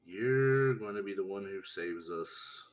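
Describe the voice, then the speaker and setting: A man's voice: deep voice, slow pace. A man voicing an exasperated, foul-mouthed little gnome girl who talks down as if to a child, on a clipping mic. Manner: blunt, condescending, simplifying as if for a child.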